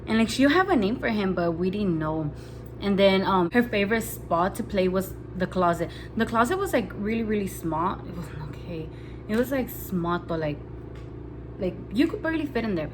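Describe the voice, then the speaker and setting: A young woman recounting a story to her camera in a rambling, spooked way, leaning on "like" constantly. Her pitch sits right in the middle of the usual range. Steady noise from construction work outside runs under her voice. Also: moderate pace. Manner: rambling, nervous, heavy use of "like" as filler. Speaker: vlogger. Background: building-washing noise outside.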